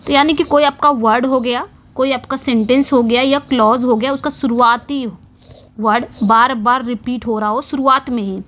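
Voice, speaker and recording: A woman teaching English literature for exams, explaining each question in Hindi and reading the English slowly, repeating key words as she writes on a board. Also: a little high, steady tone, a bit bright. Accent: Indian English. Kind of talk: exam-prep lesson.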